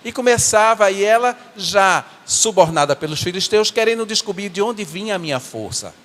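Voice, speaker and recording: A man's voice: sits high, animated, fairly bright tone. Man playing a rueful biblical strongman in a church monologue: earnest, stumbling repeats, reverberant sanctuary sound. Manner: earnest, halting storytelling with repeated words. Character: biblical strongman, remorseful, telling his own fall. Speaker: church performer. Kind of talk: first-person dramatic monologue in church. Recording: echoey church hall.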